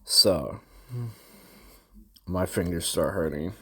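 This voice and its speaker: Slow, low-voiced young man ranting. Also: fairly bright tone, husky. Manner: slangy, profane, rambling with restarts. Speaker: gamer recounting a boss fight. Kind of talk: casual rambling recap.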